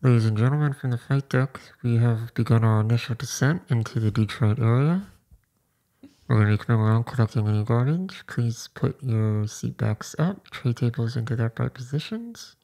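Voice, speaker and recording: A man putting on a male airline pilot making a formal cockpit announcement to the cabin, in a smooth, routine announcer delivery. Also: medium pitch, lively intonation, moderate pace, warm tone. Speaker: podcast co-host. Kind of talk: casual chat, mock announcement.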